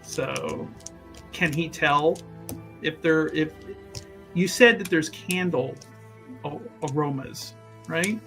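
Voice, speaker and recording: With soft music behind him, a man with a fairly high voice slowly talks over his tabletop RPG moves, dropping into vocal fry and leaving long pauses. He's wordy and informal, reworking his phrasing as he thinks.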